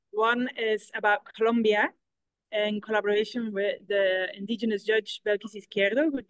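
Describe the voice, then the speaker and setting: A middle-aged woman from Belgium, a researcher explaining her project at an online conference in a measured way with some restarts. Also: medium pitch, dry recording, poor audio. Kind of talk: conference talk over a video call. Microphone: video call.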